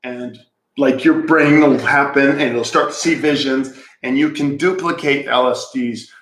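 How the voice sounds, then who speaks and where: A man of middle pitch talks through a book in loose, rambling stories, swearing as he goes. The room around him is echoey. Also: fairly even intonation, a little slow, a bit bright, slight background noise. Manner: rambling storyteller, swears freely. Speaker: podcast co-host. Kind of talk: casual book discussion.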